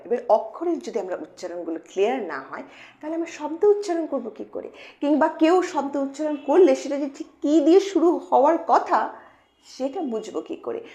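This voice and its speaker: A woman teaching phonics to children, playful and coaxing, asking many questions and slowly repeating each sound. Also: sits high, dark tone. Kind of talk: informal lesson to children.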